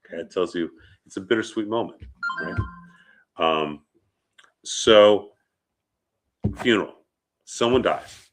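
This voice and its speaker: The audio is poor, with slight background noise, as a man with a low-sitting voice speaks slowly and pauses often. He's a rabbi with a head cold, sniffling a little, giving an informal lecture on funeral customs punctuated by short check-in questions.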